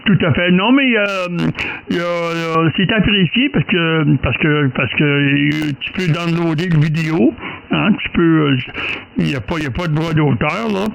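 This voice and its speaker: Speaking at a normal speed in a voice on the high side, a Quebec French-accented man runs a group contact on amateur radio. His casual talk wanders, stalls and circles back on itself, all over a clearly noisy, clicking transmission.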